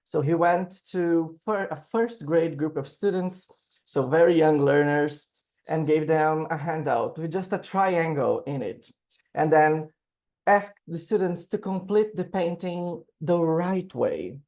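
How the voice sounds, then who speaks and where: A Brazilian man with a Brazilian Portuguese accent, a teacher and panel speaker, gives a webinar presentation to teachers over a video call. He explains things and keeps checking in with "right?", his voice on the high side, a little mellow, at a measured pace.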